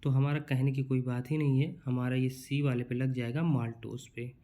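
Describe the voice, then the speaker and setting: A young man teaching an exam-prep lesson, reading each question out slowly and then explaining it in a casual, repetitive way. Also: medium pitch, flat delivery, mellow.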